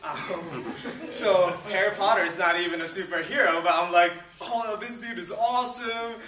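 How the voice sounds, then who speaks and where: A student ministry leader from the Philippines, in his twenties, speaks at normal speed in a high, bright, forceful voice. His informal sermon on the church hall stage is chatty and upbeat, with many fillers. It's picked up from afar by a camera, no mic seen, giving a roomy hall sound.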